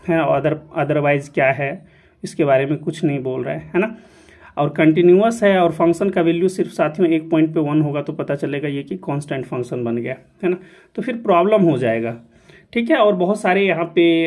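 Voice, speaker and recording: A fairly high-pitched man with an Indian accent teaches an exam-prep maths lesson. He explains each step patiently, repeats the key result several times and checks that his listeners follow. He switches into English for the technical terms. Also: darkish tone.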